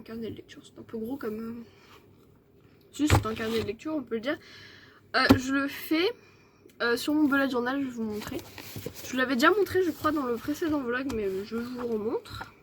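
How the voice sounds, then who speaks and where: A woman's voice: high-pitched, very noisy. A young woman book vlogger in a casual evening vlog at her desk at home, chatty and rambling, with many fillers and self-corrections.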